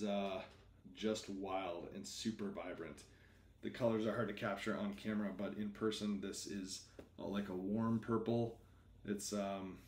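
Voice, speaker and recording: A man's voice: fairly low pitch, darkish tone, reverberant, a little hiss or hum. A middle-aged man casually showing off and chatting about his new merchandise designs, enthusiastic and full of self-corrections. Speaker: artist presenting his merchandise. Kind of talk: casual product preview vlog.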